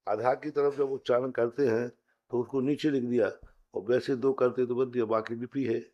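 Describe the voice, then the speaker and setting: A man teaching a Sanskrit grammar class, explaining step by step, slowly chanting rules and putting questions to his students. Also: mid-range voice, little pitch movement, dull audio.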